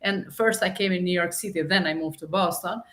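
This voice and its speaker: A woman's voice: on the low side, a little fast, fairly bright tone. A middle-aged woman physician from Albania with an Albanian accent, telling stories in a chatty way as an interview guest. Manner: chatty storytelling. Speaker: primary care physician guest. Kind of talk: conversational interview.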